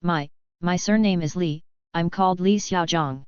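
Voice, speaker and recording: A woman's voice: lowish voice, normal speed, smooth, no echo, dull audio, close to an everyday voice. A woman voicing a shy, stuttering eighteen-year-old boy gamer in an audiobook. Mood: timid. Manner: stutters on first words, timid.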